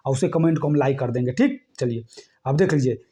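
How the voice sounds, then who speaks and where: A man's voice: mid-range voice, fairly quick, dark tone, lo-fi sound. A man teaching an exam-prep lesson, repeating points and checking in with the class. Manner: repetitive, keeps checking "ठीक है?" with listeners.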